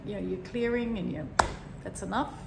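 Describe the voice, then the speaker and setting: A meditation teacher guides a meditation in a gentle, rambling way, often pausing as she searches for words. Her medium-pitched, steady voice is croaky, like a frog in her throat. The room is echoey, with background noise.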